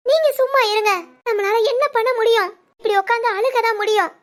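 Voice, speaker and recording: A woman voicing a worried, scolding middle-aged village mother in an animated family drama, with a Tirunelveli Tamil accent. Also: extremely high pitch, a little fast. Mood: bitter scolding. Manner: bitter, scolding.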